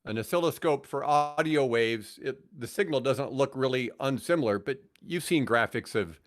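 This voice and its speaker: A man in his sixties, a former radio broadcaster, guests on a podcast and tells stories casually, rambling and looping back to rephrase himself. His voice sits in the mid-range and moves at a normal speed.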